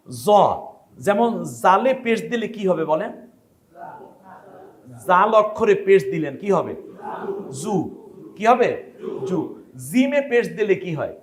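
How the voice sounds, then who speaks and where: A man's voice: high voice, big pitch swings, unhurried, pauses often. A man from Bangladesh teaching Quran pronunciation to a class, asking the students questions and demonstrating how each letter should sound.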